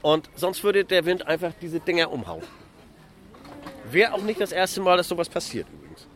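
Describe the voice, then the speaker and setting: A man's voice: high voice, normal speed. Cheerful middle-aged man giving a city tour. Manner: cheerful, proud, lively explaining. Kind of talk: explaining to a group of kids. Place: outdoors on a city market square.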